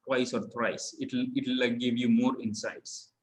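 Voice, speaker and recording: A man's voice: medium pitch, level tone, a little slow, poor audio. A man with an Indian English accent coaching a client one-on-one on a call, earnest and instructive, with repeated affirmations. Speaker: mindset coach.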